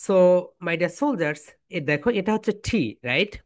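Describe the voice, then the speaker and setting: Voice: medium pitch, lively intonation, a little slow. Drilling teacher. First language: Bengali. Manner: keeps addressing students as "my dear soldiers", repeats phrases for drilling. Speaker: English pronunciation teacher. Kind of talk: spoken lesson with call-and-response drills.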